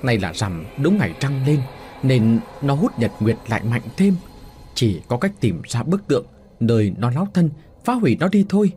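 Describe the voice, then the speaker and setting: A man's voice: mid-range voice, big pitch swings, moderate pace, mellow, a little hiss or hum, close to an everyday voice. A man playing an old, grave village shaman. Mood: urgent. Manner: urgent, grave. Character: old male village shaman, protective and self-sacrificing.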